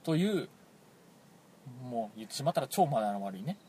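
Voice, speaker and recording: A man from Toyama with a Toyama dialect, telling a rambling, animated story as a radio show co-host in casual chat. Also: mid-range voice, fairly quick, slightly rough. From Toyama, Japan. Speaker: podcast co-host.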